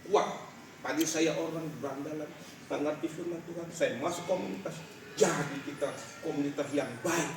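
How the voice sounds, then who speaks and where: A man preaching a lively, animated church sermon to a congregation, illustrating his points with everyday stories. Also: fairly high pitch, normal speed, far from the mic, music in the background. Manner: animated, rising to shouted calls to the congregation. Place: large church hall with a congregation. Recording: echoey church hall, mic from afar.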